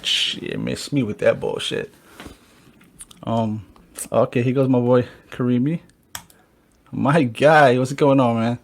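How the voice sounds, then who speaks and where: A man's voice: mid-range voice, animated, slow, vocal fry, pauses often. A man hosting a podcast, talking casually, swearing freely and speaking straight to his viewers. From United States. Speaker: podcast host. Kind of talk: casual chat.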